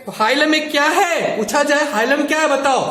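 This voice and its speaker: A man's voice: extremely high pitch, normal speed, pushed and bright, roomy sound. A man teaching a biology lesson, repeating points and quizzing students with questions. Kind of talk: classroom lecture.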